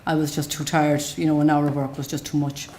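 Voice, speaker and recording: A woman's voice: deep voice, little pitch movement, fast talker, a little mellow, a little hiss or hum. A middle-aged woman with a west of Ireland accent giving an unscripted personal account in a plain-spoken, matter-of-fact way. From Galway, west of Ireland. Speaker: patient telling their own story.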